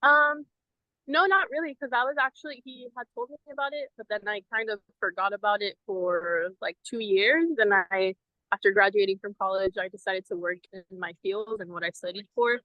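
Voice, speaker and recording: Standing outside a cathedral, a guest from a ministry program chats in a friendly, casual interview, with frequent ums and likes. She's a Venezuelan woman in her twenties with a medium-pitched voice at normal speed. There's no room sound, and the high frequencies are cut off.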